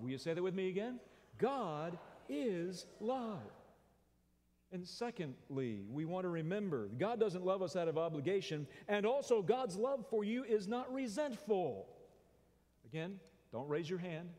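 A pastor with an Oklahoma American accent delivering a folksy, conversational sermon with call-and-response. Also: male voice, a little high, darkish tone. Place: large church sanctuary. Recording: long church-hall reverb.

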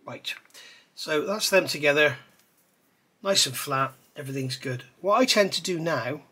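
A fairly high, slightly rough male voice at a measured pace belongs to a middle-aged hobbyist explaining his scale model build. Talking while his hands work at an indoor bench, he rambles in a relaxed, chatty tutorial style, picked up by an overhead camera.

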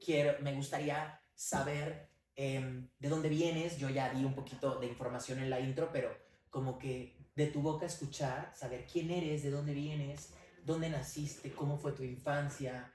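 A man's voice: medium pitch, fairly even intonation, measured pace, darkish tone. A man hosting a podcast, asking friendly, rambling questions in casual chat. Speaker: podcast host. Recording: roomy, slightly distant mic.

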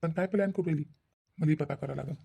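A man voicing a suspicious young husband in a cartoon, with a Vidarbha Marathi accent, talking in rapid muttering bursts. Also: fairly high pitch, creaky, warm tone, slightly rough, heavily acted.

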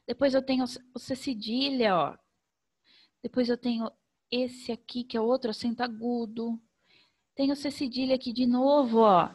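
A Brazilian woman teaching young children remotely, sing-song and slow, stretching out sounds so they can follow. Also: on the high side, steady tone, a little mellow. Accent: Brazilian Portuguese. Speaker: primary school teacher.

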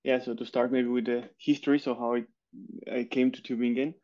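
A man in his thirties from Bulgaria talks through his path as a guest on a video call, thoughtful and with soft laughs between points. His voice sits at an ordinary middle pitch. The headset audio comes through somewhat muffled. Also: flat delivery, fairly quick. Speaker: guest, scientist. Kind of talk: casual interview chat.

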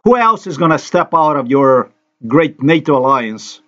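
A man's voice: on the high side, very animated, unhurried, a bit bright, lo-fi sound. A man from Slovenia, a native Slovenian speaker, giving an angry, accusatory, repetitive monologue over a screen recording.

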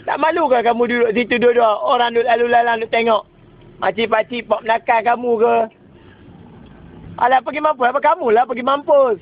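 Tinny phone-quality recording in a vehicle, man, northern Malaysian accent, very high voice, preachy, scolding mock sermon. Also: brisk. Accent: northern Malaysian (Kedah). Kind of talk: mock sermon and scolding in casual street talk. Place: inside a vehicle.

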